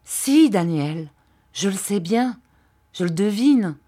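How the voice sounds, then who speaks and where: A woman's voice: mid-range voice, expressive, slow, warm tone. A tearful, imploring aging widow, as a woman reader puts her on. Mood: pleading. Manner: imploring, emotional.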